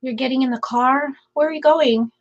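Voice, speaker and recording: Streaming from home, this woman casually reads and reacts to viewer comments at a normal pace in a high voice. Her hoarse, half-lost voice comes through slightly lo-fi, and she keeps chatting, laughing and filling gaps with filler words.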